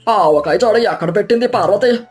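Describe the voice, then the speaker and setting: A woman's voice: mid-range voice, brisk, faint music behind, close to an everyday voice. A woman voicing a miserly, boastful husband who grumbles and schemes. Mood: scheming. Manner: grumbling, then yelling. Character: miserly middle-aged husband, greedy and boastful.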